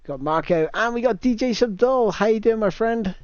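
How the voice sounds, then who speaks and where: A man's voice: high voice, animated, brisk, dry recording. A man hosting a casual game livestream, chatting and reading out viewer comments on a new microphone. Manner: chatty, reads out viewer comments, laughs easily. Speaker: livestream host. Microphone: new cheap microphone. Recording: dull, dry lo-fi mic.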